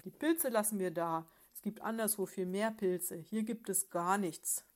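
A woman reading aloud, voicing a grumpy, indignant male bear father in a children's story, complaining loudly. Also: medium pitch, animated, normal speed, natural voice.

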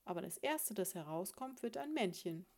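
A woman reading a storybook, voicing an indignant, pompous male sparrow husband who blusters loudly at his wife. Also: medium pitch, a little slow, lightly acted. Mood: huffy.

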